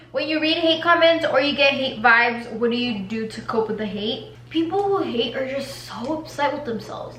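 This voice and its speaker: High, bright-voiced teen girl chatting. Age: teens. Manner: chatty, slangy, heavy use of "like". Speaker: vlogger. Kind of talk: casual mukbang chat to camera. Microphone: camera mic. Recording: roomy echo, faint background hum.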